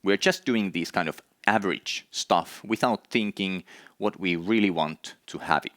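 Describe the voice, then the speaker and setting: A man's voice: low-pitched, moderate pace, fairly bright tone, dry recording, studio quality. A middle-aged man from Finland with a Finnish accent, giving an earnest conference presentation with many hesitations. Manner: earnest, with frequent "uh" hesitations and repeated words. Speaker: conference speaker. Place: conference hall.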